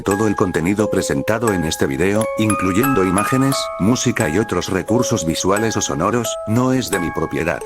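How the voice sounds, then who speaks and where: Male channel narrator, deep, even scripted read. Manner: even, read-aloud delivery. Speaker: storyteller, channel host.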